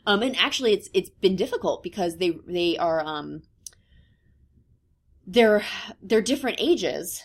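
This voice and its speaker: This podcast co-host, a woman in her thirties, has a fairly low voice with touches of vocal fry. Her casual talk is thoughtful and halting, full of ums, yet expressive and delivered at a measured pace.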